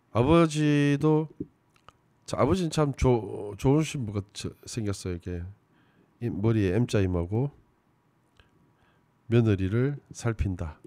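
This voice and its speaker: A man giving casual commentary on a TV show, swinging between loud emphasis and low muttering. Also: dry recording.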